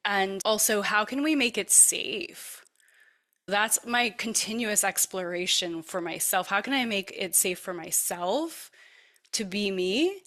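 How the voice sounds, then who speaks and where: A woman's voice: mid-range voice, fairly bright tone. Affirming woman facilitating a circle. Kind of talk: facilitating a group discussion.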